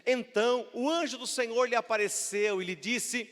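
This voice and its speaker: High-voiced Brazilian pastor in reverberant church. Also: male voice, moderate pace, a bit bright. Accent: Brazilian Portuguese. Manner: conversational preaching, frequent tag questions to listeners. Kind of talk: sermon. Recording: long church hall reverb.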